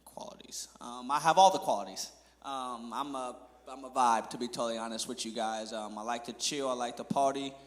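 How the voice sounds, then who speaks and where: A man's voice: medium pitch, fairly quick, few pauses, close to an everyday voice. A chill, easygoing party guy, played by a man, talks loosely and casually. His voice sits mid-range. A long reverb hangs behind it. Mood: laid-back. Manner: relaxed, drawling, casual.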